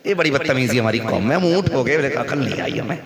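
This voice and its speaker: A man's voice: mid-range voice, lively intonation, fast. A man preaching a sermon at a night religious gathering, joking with and directing the audience over a microphone. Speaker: Islamic preacher. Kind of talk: sermon to a crowd. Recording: echoey PA sound with loud crowd.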